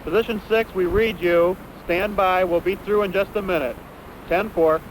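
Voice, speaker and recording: A man's voice: sits high, steady tone, moderate pace. Man calling on a noisy two-way radio. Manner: crisp call-sign radio talk. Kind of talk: radio dispatcher call.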